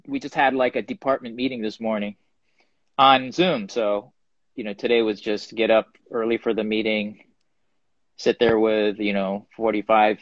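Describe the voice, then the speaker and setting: Chatting loosely over a live stream from his pottery studio, this guest ceramic artist fills his talk with ums as he shows off his pieces. His voice sits fairly low. The phone or webcam recording is dry, and the high frequencies are cut off.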